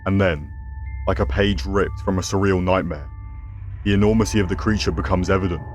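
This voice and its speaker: A deep-voiced man reads scripted scary stories in the manner of a horror host. His delivery is theatrical and ominous, addressed to listeners as a storyteller. Music plays underneath his narration. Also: fairly quick.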